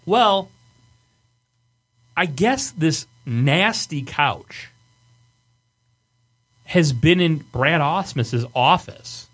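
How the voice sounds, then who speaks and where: This podcast host is a man with a Michigan accent whose voice runs fairly high and fairly bright. He tells stories in a loose, bantering way, swearing and sounding exasperated.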